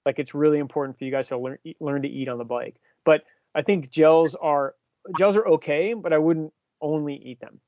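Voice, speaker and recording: Brief: chatty male coach in his fifties, talking to riders, a bit high-pitched, dry recording. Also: moderate pace, darkish tone, no echo, lo-fi sound. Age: 50s. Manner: chatty, explanatory, asks the group questions. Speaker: cycling coach. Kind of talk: casual team talk.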